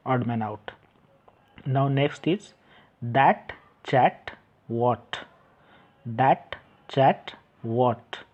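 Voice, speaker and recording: A man teaching an English textbook lesson, explaining in Hindi and English, reading words aloud slowly and repeating them. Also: mid-range voice, mellow. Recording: dull lo-fi home recording.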